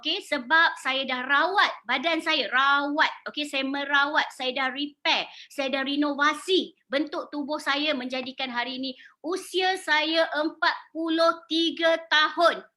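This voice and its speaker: A woman's voice: sits high, fairly even intonation, a little slow, bright, forceful tone. A woman in her forties with a Malaysian accent, a beauty salon owner giving a persuasive sales presentation and putting questions to her audience. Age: 40s. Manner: persuasive, asks the audience questions, mixes in English words.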